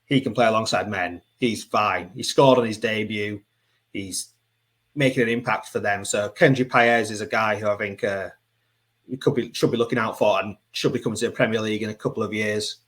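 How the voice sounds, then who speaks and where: A man's voice: on the low side, steady tone, a little fast, fairly bright tone. A man, a football writer answering interview questions in a casual, conversational way, with frequent fillers and restarts.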